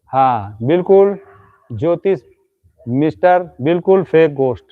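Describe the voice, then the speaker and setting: Guy doing a live ghost-prank stream at night, highish voice, kinda muffled lo-fi sound, keeps ribbing the ghost. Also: animated, slow pace. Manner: teasing, talks directly to an unseen ghost. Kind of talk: comedic live-stream commentary. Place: outdoors at night.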